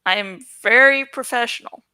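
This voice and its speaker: This amateur reader narrates a storybook with drama, her voice a little high, smooth and sharp-toned, moving at normal speed on a dry recording. She's self-deprecating, stumbling occasionally and poking fun at her mistakes between lines.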